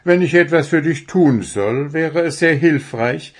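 A man's voice: a little high, a little slow, pitched above the performer's own voice. Grumbling little storybook owl, sleepy and cross, voice raised a bit, as a man reads him. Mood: grumpy. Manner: complaining, grumbling.

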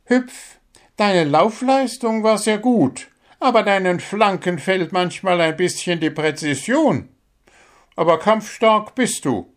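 A shrill scolding little bird coach. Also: male voice, expressive, slow. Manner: scolding, sharp, sarcastic. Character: small strict bird football coach.

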